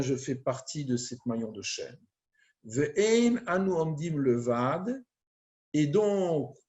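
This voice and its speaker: A man, a rabbi, teaching a prayer text in a slow, deliberate way, reading Hebrew phrases and translating them one by one. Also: mid-range voice, a little mellow.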